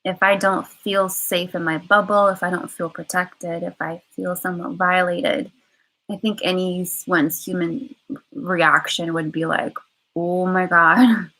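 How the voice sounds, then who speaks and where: Woman, lower-pitched voice, casual live-stream vlog, rambling, repeats phrases, lots of fillers, candid. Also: flat delivery, a little slow, bright, forceful tone, poor audio. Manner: candid and emotional. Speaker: vlogger.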